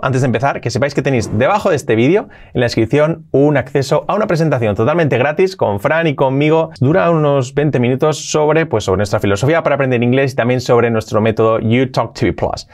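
A man from Spain with a Spanish accent, teaching English pronunciation and repeating phrases slowly for drilling. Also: medium pitch. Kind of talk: pronunciation lesson.

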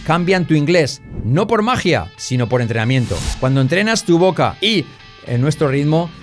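A man's voice: a little high, big pitch swings, normal speed, soft background music. A man who speaks Spanish natively, teaching English pronunciation in a lesson and drilling words in threes for the viewer to repeat.

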